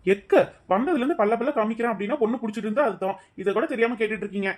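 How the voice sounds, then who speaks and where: A woman voicing a cheerful young groom in a cartoon, speaking in an eager, rapid, friendly way. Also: on the high side, lightly acted. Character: cheerful young groom, grinning office manager. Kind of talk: cartoon voice acting.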